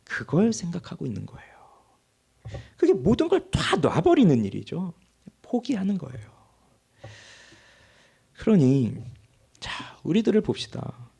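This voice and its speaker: A male pastor delivering a sermon, his pitch rising and falling in wide, lively swings. He leans hard into quoted cries and laments, pressing each point with emphasis. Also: gravelly, husky. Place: church.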